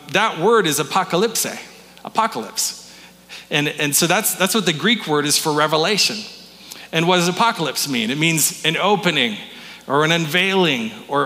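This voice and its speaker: A pastor with a fairly high voice gives a warm, conversational sermon in a church sanctuary, his words trailing into a long reverb tail. Stammered restarts crop up frequently as he talks.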